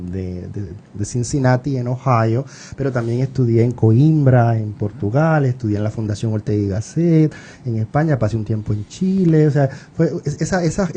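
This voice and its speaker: Mellow-voiced Puerto Rican man reminiscing. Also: mid-range voice, a little hiss or hum. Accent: Puerto Rican Spanish. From Puerto Rico. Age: middle-aged. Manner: warm reminiscing, many fillers and restarts. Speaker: writer and professor, radio guest. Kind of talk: casual radio interview.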